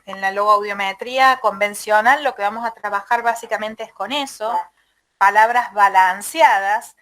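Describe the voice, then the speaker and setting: A woman's voice: a little high, a bit bright. A woman lecturer with an Argentine accent explaining a topic to her class, asking rhetorical questions and checking that students follow. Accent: Argentine Spanish. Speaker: university lecturer in audiology.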